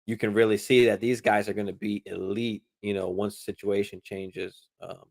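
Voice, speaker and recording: Laid-back guy with a low gravelly voice, cussing and rambling through viewer questions on a live stream. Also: moderate pace. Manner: relaxed, swears casually, many fillers and restarts. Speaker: fantasy football show host.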